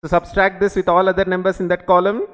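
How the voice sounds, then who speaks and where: In a reverberant classroom or indoor teaching studio, a forties-aged man with a Telugu-accented Indian English delivers a lesson quickly, his high voice holding a level tone. He gives brief instructions and keeps checking in with questions.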